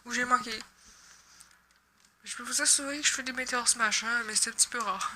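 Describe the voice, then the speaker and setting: A woman's voice: on the high side, fairly quick, bright, forceful tone, a little hiss or hum. A young woman with a Québécois accent from Quebec, chatting and joking casually over her gameplay, swearing when she misses. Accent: Québécois French. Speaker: gaming YouTuber.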